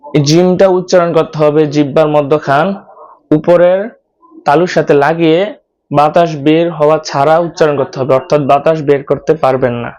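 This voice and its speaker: In a lo-fi recording, a Bangladeshi man gives an online Quran class, patiently walking through the pronunciation of each Arabic letter and saying each sound over and over. His voice sits a little high, with a steady, darkish tone.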